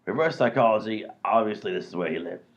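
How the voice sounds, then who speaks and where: In a comedy radio play, a man with a lowish voice and vocal fry rattles off his lines fast as a dim, bumbling robber full of bluster and self-assurance. The recording is dull and lo-fi, with heavy background noise.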